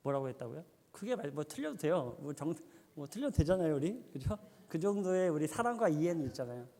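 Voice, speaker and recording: A man's voice: a little high, sing-song, quick pace, mellow. A man preaching a sermon, telling a story with animation and quizzing his audience. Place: church. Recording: long church hall reverb.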